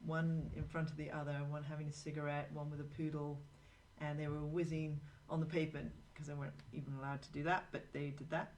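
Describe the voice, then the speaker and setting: Low-voiced chatty woman drawing live. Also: little pitch movement, a little fast, few pauses, darkish tone, a little hiss or hum, poor audio. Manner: rambling, anecdotal, talks to viewers while working. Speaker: live drawing show host. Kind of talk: chatty live-stream narration while drawing.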